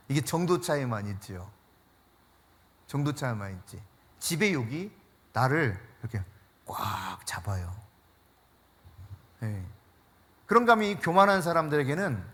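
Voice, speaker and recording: A man preaching a sermon as pastor tells stories in an animated way with frequent laughter. For emphasis, he drops to a hushed, low voice.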